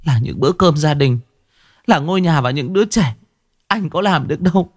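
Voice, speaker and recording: A man's voice: high-pitched, expressive, unhurried, no echo, clean studio sound, voice pushed up, exaggerated voice. A man voicing a pleading young woman, an unfaithful wife who stammers and sobs as she begs. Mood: reproachful. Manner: stammering, begging. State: sobbing.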